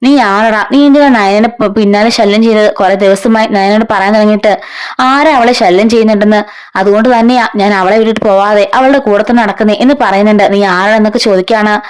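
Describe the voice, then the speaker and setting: A woman's voice: mid-range voice, fairly even intonation, brisk, smooth. A woman from casually retelling a serial story, chatty and conversational, quoting the characters in her own voice. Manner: chatty, adds "ട്ടോ" tags, quotes characters in own voice.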